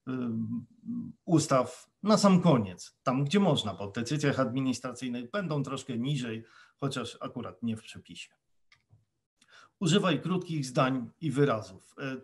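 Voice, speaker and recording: A man giving a webinar lecture as a plain-language trainer for officials, explaining rules with worked examples in a conversational way. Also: medium pitch. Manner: conversational, with frequent hesitation sounds.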